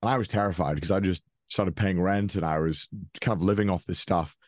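A young Welsh man with a deep voice and Welsh accent talks fairly quickly and steadily as a casual interview guest, captured in studio quality with no room sound. He rambles, restarting often, using fillers, and chuckling frequently.

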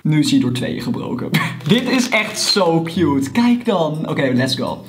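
A YouTuber unboxing a mystery box, animated and exclaiming loudly, with English words thrown in. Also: mid-range voice, measured pace. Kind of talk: excited unboxing vlog. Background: background music.

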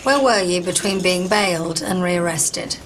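An actress playing a sharp, probing police detective in a television drama. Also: female voice, on the low side, a little slow, background noise, natural voice. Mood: probing, impatient.

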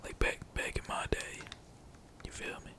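At a normal speed, a young gaming streamer keeps up whispered, casual commentary on his gameplay. The whisper is all breath with hardly any voicing, and he rambles with heavy slang and frequent swearing.

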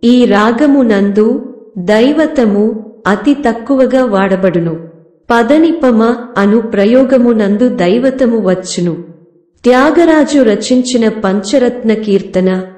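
A woman reading a scripted music lesson in a slow, measured recital of terms and lists. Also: a little high, mellow, roomy sound. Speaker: music teacher. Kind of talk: scripted lecture on a raga.

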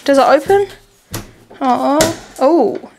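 A woman's voice: sits high, slow, a little mellow. A woman with a New Zealand accent chatting casually while vlogging with her children, asking lots of encouraging questions. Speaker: vlogger filming with her kids. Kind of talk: casual family vlog chat. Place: outdoors and in shops. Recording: noisy outdoor camera audio.

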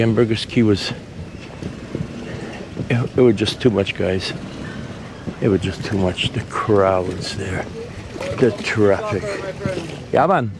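Chatty man vlogging on a noisy street. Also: on the low side. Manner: relaxed, repeats himself, chatty asides to viewers. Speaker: travel vlogger. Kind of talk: casual walking vlog. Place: outdoors on sunny dirt streets of a small island town. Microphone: action camera held at arm's length while walking. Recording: outdoor camera audio with street noise. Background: street and vehicle noise.

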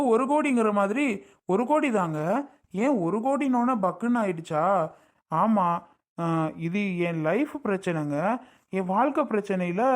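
A man doing a jealous ex-husband. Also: extremely high pitch. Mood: bitter. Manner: insistent, self-justifying. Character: jealous young ex-husband, pleading and threatening. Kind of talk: Tamil cartoon drama dialogue.

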